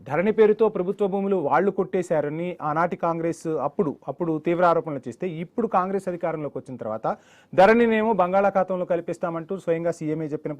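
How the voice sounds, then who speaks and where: A man hosting a TV news debate, pressing his guests with quick questions. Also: high voice, a little mellow.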